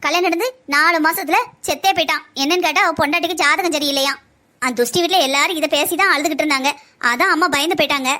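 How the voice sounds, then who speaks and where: A woman voicing a sharp-tongued, scheming young woman who pushes and coaxes her family in a cartoon drama. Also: high voice, fast. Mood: coaxing. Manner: pushy, coaxing.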